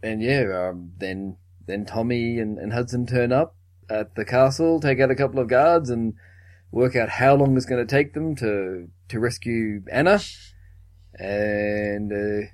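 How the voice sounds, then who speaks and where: A man co-hosts a podcast, casually recapping a film's plot in a mid-range voice at a measured pace. He chuckles now and then.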